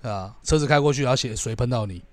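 A young man tells a story at a quick clip, tossing in curse words and quick agreement as he goes. His voice sits in a middle range and sounds close and dry, with little room sound. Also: mid-range voice, no echo. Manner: swears casually, lots of filler agreement. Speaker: podcast co-host. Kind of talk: casual storytelling chat.

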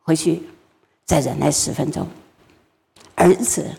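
Gravelly older woman teaching. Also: sits low, moderate pace, long reverb tail. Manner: lively, acts out family scenes. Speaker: guest teacher.

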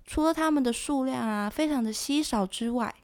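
A woman giving scripted nature documentary narration as a presenter, explaining things in a conversational way with soft sentence particles. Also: high-pitched, brisk. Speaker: presenter of an animal education show.

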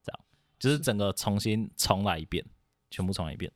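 A young man from Taiwan chatting casually on a podcast, hesitant, with many restarts and soft laughs. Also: lowish voice, expressive, fast talker, dry recording, clean studio sound. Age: young adult. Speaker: podcast guest. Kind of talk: casual chat.

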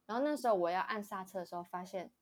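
A woman's voice: mid-range voice, very fast, darkish tone. A young woman co-hosting a casual chat, telling a story animatedly, often laughing and acting out the voices of people in it. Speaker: podcast co-host.

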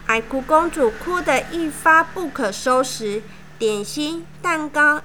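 High bright woman reading a storybook. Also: slight background noise. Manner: slow, clear, animated storytelling. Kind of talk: reading a children's picture book aloud.

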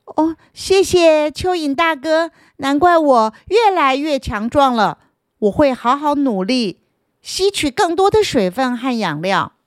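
A woman's voice: high voice, lively intonation, unhurried, no room sound, studio quality, pitched above the performer's own voice. A woman voicing a small, polite young tree root in a children's storybook, speaking timidly and earnestly. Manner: polite, eager, timid questions.

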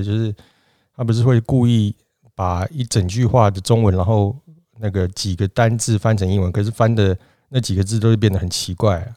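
A man in his forties chatting as a guest, relaxed and talkative, often laughing and restarting his sentences. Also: fairly low pitch, dry recording, clean studio sound. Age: 40s. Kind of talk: casual chat.

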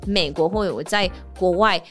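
A woman from the United States, a native English speaker, hosting a casual podcast monologue, telling stories in an animated way and laughing often. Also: on the low side, moderate pace, soft background music. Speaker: podcast host; teacher and performer.

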